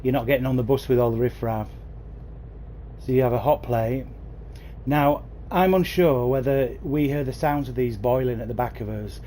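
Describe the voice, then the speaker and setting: A man in his home, playing a bus game on console, livestreams and cheerfully chats with viewers by name into a new gaming headset. His mid-range voice is dark and moderately paced, with slight background noise.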